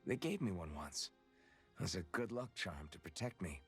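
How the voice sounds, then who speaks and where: An earnest young soldier hero in a game. His voice sits low but moves a lot, gentle and reflective. Faint music plays beneath. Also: expressive, normal speed, slightly rough, no echo, heavily acted. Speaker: game character, young male swordsman. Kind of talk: game voice acting.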